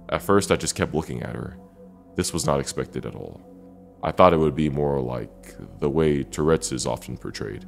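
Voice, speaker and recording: A man narrating a first-person scary story in a dramatic way with deliberate pauses. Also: rumbling low, creaky.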